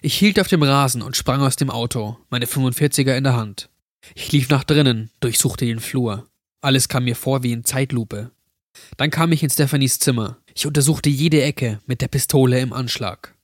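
A man calmly narrating a scripted horror story, recorded close to the mic. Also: mid-range voice, moderate pace, dry recording.

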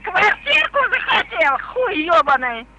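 An elderly woman with an extremely high, piercing voice that swings widely in pitch. She argues suspiciously and curses freely over a slightly noisy phone call. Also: sing-song, a little slow, bright, forceful tone. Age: older, elderly. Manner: combative, suspicious, foul-mouthed. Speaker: prank call victim. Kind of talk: argumentative phone talk. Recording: phone call with faint noise.

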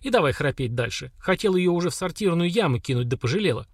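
A man doing a gruff scolding warrior aunt. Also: fairly high pitch, expressive, fast talker, dry recording, clean studio sound, voice pushed up. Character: stern, sardonic older woman warrior, an aunt.

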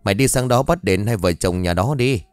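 A man's voice: fairly low pitch, brisk, clear, resonant tone, dry recording, faint music behind, lightly acted. A man voicing a quarrelsome, whining old village man in an audio story. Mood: whiny. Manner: whining, defensive.

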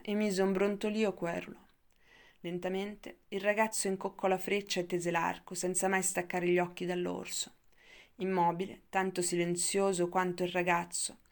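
A woman reading a novel aloud in a calm, measured narration. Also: lowish voice. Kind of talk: audiobook narration.

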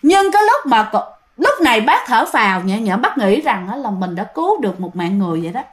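A woman's voice: a little high, sing-song, brisk. Chatty woman storyteller. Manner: chatty, addresses listeners directly. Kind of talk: casual ghost-story narration.

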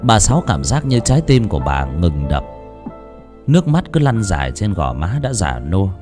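A man narrating a serialized novel in an expressive, dramatic storytelling manner. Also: low voice, moderate pace. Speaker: audiobook narrator. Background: faint background music.

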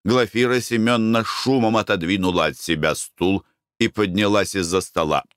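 A man giving an expressive audiobook narration. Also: on the low side, moderate pace, clean tone, dry recording, studio quality. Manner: expressive, storytelling.

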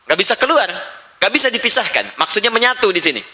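A man teaching a religious study session, his voice high and strikingly bright. He lectures emphatically, swinging his pitch widely and throwing rhetorical questions at his listeners. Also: sing-song, fast. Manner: mimics foreign speech when giving examples.

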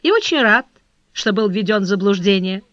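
A reader playing a cold, scheming English baronet in an audiobook, speaking dryly, laconically and slowly. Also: medium pitch, animated, fairly bright tone, no echo, dull audio, natural voice. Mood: calculating. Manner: dry, laconic, slow and impassive. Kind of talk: audiobook character reading.

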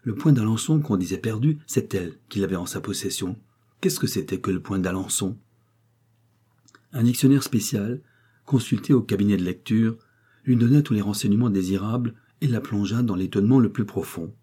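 A man narrating a classic novel as an audiobook in a measured, expressive reading. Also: lowish voice, slightly rough.

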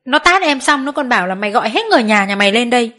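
A woman's voice: a little high, animated, racing, bright, forceful tone, pitched above the performer's own voice. A woman voicing a rude, tearful young woman who complains in a whiny voice.

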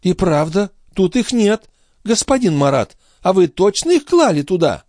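A squealing, wheedling old concierge woman, as a man puts her on, her voice leaping high with sugary indignation. It soars and swoops through a wide range. The recording is dry and close. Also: very animated, normal speed, darkish tone, no echo. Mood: shrill indignant. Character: shrill wily old female concierge.

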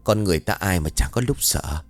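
A man's voice: low voice, animated, a little fast, gravelly. A man voicing a timid, frightened middle-aged peasant husband, mumbling flustered excuses.

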